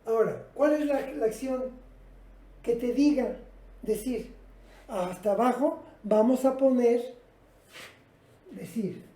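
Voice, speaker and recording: A woman's voice: a little high, slow pace, pauses often, dark tone, reverberant, rough recording. A woman teaching a patient, explanatory language lesson at a whiteboard, speaking directly to her students. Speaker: English teacher.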